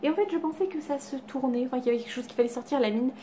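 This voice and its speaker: This woman talks fast in a high, warm voice, with slight background noise behind her. She's a beauty vlogger at home among her cats, chatting to camera about a makeup haul in a self-deprecating way, stumbling through fillers and restarts.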